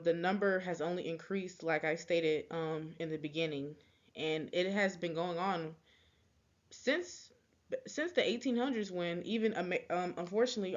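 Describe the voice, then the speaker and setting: A young woman giving a persuasive class speech, halting, with many ums, restarts and quick apologies. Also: fairly low pitch, muffled recording.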